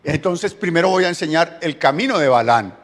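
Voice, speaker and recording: A Colombian Spanish-accented man preaching in a church, his voice rising and falling with lively swings as he acts out the characters. He sits a little high for a man, and a long reverb trails each phrase through the hall. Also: fairly quick. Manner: animated storytelling, acting out quoted voices. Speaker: pastor. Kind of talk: sermon.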